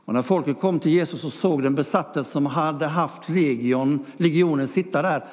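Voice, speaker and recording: A man preaching a sermon, retelling a story with lively questions and quiet asides. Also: on the high side, in a large hall.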